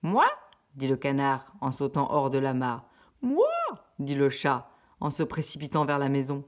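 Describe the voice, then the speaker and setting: A woman reading a storybook to children in a slow, expressive, singsong way. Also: very deep voice.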